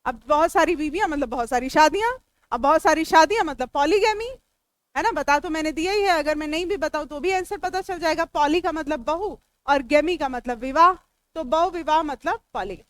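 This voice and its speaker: A woman with a high voice and an Indian English accent teaches English vocabulary to a class. She works through each word slowly, splitting it into its parts and turning to the students to ask and answer. Her voice sits close on the mic in a dry room with no echo. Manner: explains word meanings step by step, talks back to students. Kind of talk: classroom lecture.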